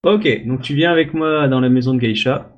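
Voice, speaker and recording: A man's voice: mid-range voice, normal speed, muffled recording. Hesitant man running a tabletop game. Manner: hesitant, lots of filler sounds, makes little sound effects. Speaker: game master.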